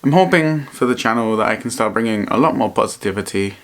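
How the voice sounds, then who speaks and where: A man vlogging in a reflective, personal way, speaking earnestly and haltingly and often repeating his phrases. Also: lowish voice, lively intonation, a bit bright. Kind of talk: personal vlog to camera, reflective talk.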